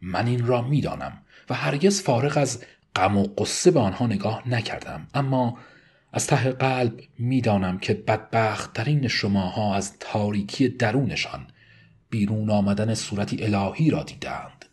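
A tired, gentle prison priest, read by a man in an audiobook, earnest and pleading in a fairly low voice. He speaks softly and urges rather than commands. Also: natural voice.

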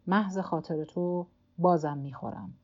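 A woman's voice: lowish voice, a little mellow, highs cut off. A woman voicing a weary old male fisherman alone at sea, who mutters stubbornly to himself and to his cramped hand in an audiobook. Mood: muttering to himself. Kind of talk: audiobook character voice.

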